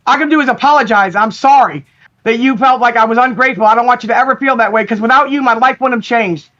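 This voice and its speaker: A woman's voice: fairly high pitch, fast, fairly bright tone, highs cut off. A woman calling into a livestream, apologizing in a pleading voice and repeating herself. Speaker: guest calling in.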